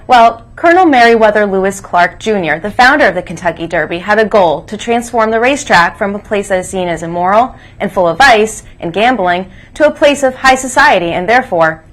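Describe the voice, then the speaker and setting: A woman's voice: medium pitch, brisk, a bit bright. Female school news presenter, mid-range voice, reading from a script as morning co-host. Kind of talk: scripted announcements, read aloud. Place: school broadcast.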